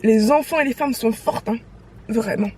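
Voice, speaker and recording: A young woman with a high voice talks straight into her phone while out on errands. She is animated and outspoken, and now and then switches into English. Faint street noise sits behind her. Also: moderate pace. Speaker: vlogger. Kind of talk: casual vlog chat.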